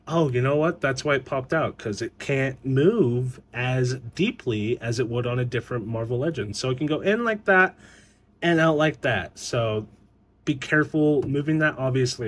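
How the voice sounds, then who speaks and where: A man talks through a toy review at home in a loose, unscripted way. He rambles, trips over his words and fills gaps with ums and likes. His voice sits at an ordinary middle pitch. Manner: rambling, stumbling over words, many fillers. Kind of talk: casual unboxing review.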